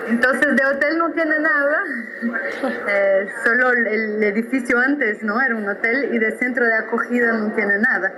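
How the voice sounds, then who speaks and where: A woman's voice: a little high, noisy background. Earnest woman giving testimony. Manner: earnest, deliberate, repeats phrases. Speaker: interviewee. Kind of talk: interview testimony.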